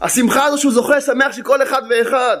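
A man's voice: extremely high pitch, steady tone, fairly bright tone. A male preacher giving a religious sermon with parables, repeating phrases emphatically and imitating sounds. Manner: repetitive, emphatic, uses sound effects.

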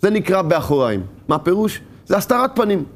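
A man giving a Torah lesson, animated, asking rhetorical questions and at times raising his voice. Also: high voice. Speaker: religious teacher.

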